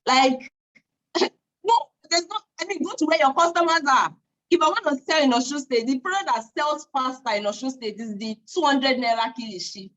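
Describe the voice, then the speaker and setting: A woman's voice: sits high, expressive, normal speed, a bit bright, dull audio. A woman with a Nigerian accent giving informal business advice, emphatic and repeating phrases for stress.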